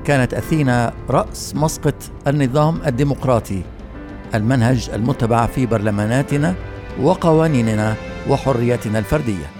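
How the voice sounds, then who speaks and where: A man presenting a scripted radio Bible study, telling a story in a measured, formal way. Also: mid-range voice, music in the background.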